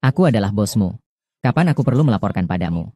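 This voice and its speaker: A man's voice: on the low side, sing-song, fast, warm tone, dry recording. A man voicing a curt, proud young company boss in a dubbed drama, speaking in a commanding way.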